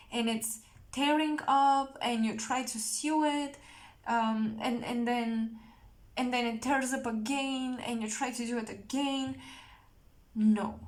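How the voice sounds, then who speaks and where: Slow, soft-spoken woman tarot reader. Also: fairly high pitch, rough recording. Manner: slow, halting, searching for words with many restarts; earnest and emotional, addressing the viewer directly. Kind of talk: intuitive tarot reading to camera.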